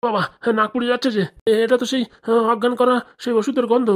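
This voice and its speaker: Woman doing a worried cartoon elder, talks super fast. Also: a little high, level tone. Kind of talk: cartoon voice acting.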